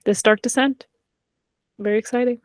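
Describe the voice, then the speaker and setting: A woman co-hosts a podcast, chatting informally about books and TV and sprinkling "like" throughout her sentences. Her voice is a little high and steady, at normal speed, in a dry recording.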